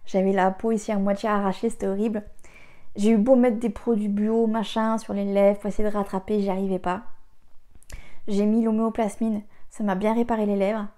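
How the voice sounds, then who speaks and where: A chatty woman from France reviewing products she has used up, talking straight to her viewer. Her voice is mellow and warm, with a middle pitch. She leans hard on the words she cares about and keeps dropping small fillers between thoughts. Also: flat delivery. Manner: chatty and emphatic, filling pauses with "voilà". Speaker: beauty vlogger. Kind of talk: casual product review chat.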